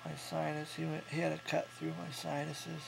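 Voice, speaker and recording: A man in his thirties talking casually in a low-key, halting way to a video diary, congested and swollen-mouthed after surgery. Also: flat delivery. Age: 30s. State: congested, can't breathe through nose. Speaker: vlogger recovering from jaw surgery. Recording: clearly noisy home recording with hum.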